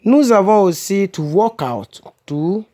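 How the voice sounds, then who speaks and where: Male teacher, fairly high voice, slow and deliberate, home-made phone lesson, self-correcting, constant check-ins. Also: animated, dark tone. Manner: repeats words slowly, asks "n'est-ce pas?" and "ok?" often, self-corrects. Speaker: English teacher for French speakers.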